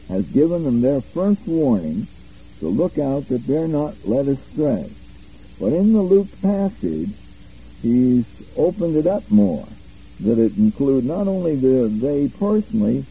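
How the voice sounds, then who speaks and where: An older man teaching a Bible study, walking his listeners through Greek words slowly and methodically. His pitch rises and falls a lot as he stresses each point. The voice is dark and very husky. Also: low-quality recording. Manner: methodical, explains Greek words step by step, repeats key phrases. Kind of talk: classroom Bible study lecture.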